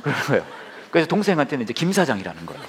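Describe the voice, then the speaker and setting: Pastor, man, 40s: brisk, animated preacher who talks straight to the congregation with family anecdotes. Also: medium pitch, a little hiss or hum. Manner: humorous family storytelling; addresses the congregation directly. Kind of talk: sermon.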